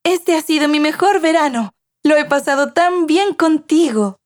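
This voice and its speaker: A woman voicing a young, loving and curious granddaughter who asks eager questions in a high voice. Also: normal speed, natural voice. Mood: happy.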